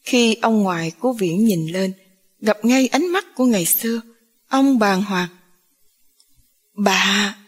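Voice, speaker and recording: A woman narrating an audiobook story in a steady, measured reading. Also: medium pitch, husky.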